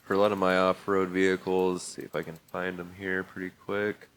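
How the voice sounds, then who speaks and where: Brisk and completely flat, a man with a low, slightly bright voice narrates his racing game vehicle build in casual gameplay commentary. He sounds congested from a bad cold and keeps the walkthrough easygoing and methodical, peppered with fillers.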